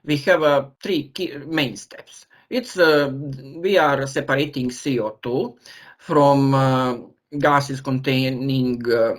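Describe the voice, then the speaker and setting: This is a professor giving a lecture over a video call. His delivery is halting, with frequent pauses while he looks for the right word, and his pitch sits in an ordinary middle range for a man. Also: fairly even intonation. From Serbia. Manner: halting, pauses often to search for words. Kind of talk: online lecture.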